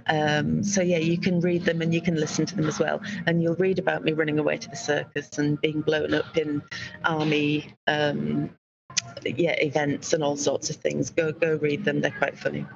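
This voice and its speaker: A woman with a Yorkshire accent, chatting as a guest in an interview and telling stories in an upbeat, lively way. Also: deep voice, normal speed, vocal fry, background noise. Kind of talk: casual interview chat. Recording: dull lo-fi remote audio.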